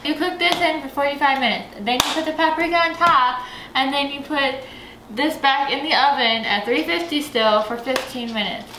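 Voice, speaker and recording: A woman's voice: high-pitched, moderate pace, reverberant. A woman co-hosting a casual home cooking video, explaining the steps plainly. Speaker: co-host of a family cooking channel. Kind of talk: casual cooking demo chat. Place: home kitchen. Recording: noisy home kitchen.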